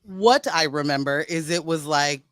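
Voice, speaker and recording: A man co-hosting a podcast in casual chat, animated and laughing, heavy on slang. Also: a little high, normal speed, dry recording, clean studio sound. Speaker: podcast co-host.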